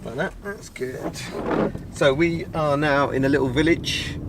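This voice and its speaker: A man's voice: a little high, a little slow, very noisy. A man chatting casually on a travel vlog, laughing at himself, filmed outdoors and in a car. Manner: chatty, self-mocking, laughs often. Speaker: vlogger.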